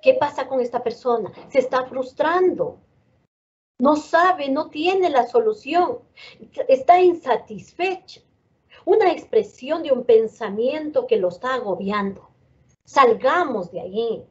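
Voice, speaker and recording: A woman's voice: sits high, animated, measured pace, a little mellow. A woman with an Ecuadorian Spanish accent, speaking earnestly to parents and teachers about handling emotions and asking herself questions to answer them. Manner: earnest, repetitive, lecturing with rhetorical questions. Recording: dull lo-fi sound.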